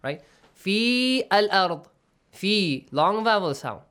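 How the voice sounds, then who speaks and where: Teacher running a recitation lesson: smooth, clean voice, steady pitch, slow drawn-out demonstrations, frequent check-ins. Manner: checks in often with "okay?" and "right?". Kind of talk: tajweed lesson to students.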